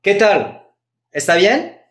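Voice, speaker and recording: Slow, patient man teaching French. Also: high voice, big pitch swings, echoey room. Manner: patient, repeats examples and checks in with "¿eh?"; drawn-out French example phrases. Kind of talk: live online grammar lesson.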